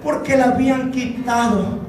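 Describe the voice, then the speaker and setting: A male pastor preaching a sermon in a church, slow and deliberate, repeating phrases and rising to impassioned shouts. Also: extremely high pitch, fairly even intonation, a little hiss or hum. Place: church sanctuary. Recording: echoey hall from far off, faint music.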